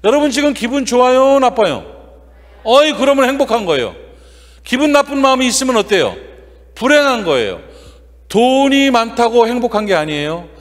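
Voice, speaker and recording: A man preaching a revival sermon as guest pastor in a church, folksy and lively, throwing quick questions at the congregation. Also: very high-pitched, in a large hall. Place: church sanctuary.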